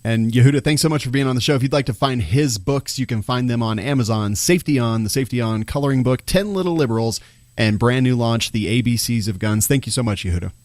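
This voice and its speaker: A wry man co-hosting a podcast, trading teasing jokes in a relaxed, chatty way. His voice sits at a middle pitch. The recording is dry and close. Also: quick pace, no room sound. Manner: wry, teasing, laughs often. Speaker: podcast co-host. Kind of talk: casual podcast chat.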